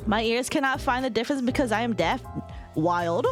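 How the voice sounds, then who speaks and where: A high-voiced woman in her late twenties hosts a casual gaming stream. Her delivery is giggly and very animated, swinging widely in pitch. Some music plays behind her as she chats. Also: normal speed. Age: late 20s. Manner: giggly, laughs often. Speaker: livestream host. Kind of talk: casual livestream chat while gaming.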